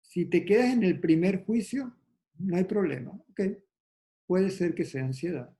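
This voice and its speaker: A man leading an online meditation class, explaining slowly and gently in a calm, reflective way over a video call. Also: high voice. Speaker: yoga and meditation teacher.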